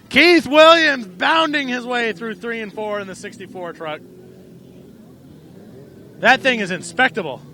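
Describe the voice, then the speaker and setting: A man with a high, sharp voice calls a live race outdoors at a small racetrack. He is loose and irreverent, swears freely, and gets excited as the cars tangle. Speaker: race announcer.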